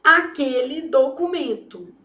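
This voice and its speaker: A Brazilian woman teaching a grammar lesson in a high voice. She talks emphatically and with theatrical flair, often checking in with the class. The sound rings in a roomy echo. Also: expressive, slow, bright, forceful tone. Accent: Brazilian Portuguese. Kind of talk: exam-prep grammar lesson.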